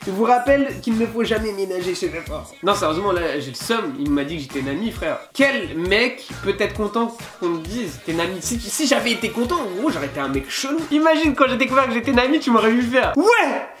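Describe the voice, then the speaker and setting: A young man from France casually reacting to an online quiz, slangy and animated, swearing and grumbling as he talks. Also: sits high, brisk, few pauses. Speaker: YouTuber. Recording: roomy sound with music behind.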